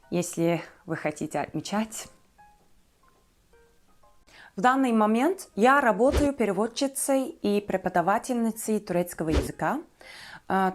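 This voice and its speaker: Speaking in careful, somewhat halting phrases, a vlogger in her twenties from Turkey introduces herself to viewers. Turkish is her native language, her accent shows it, and her voice is medium in pitch.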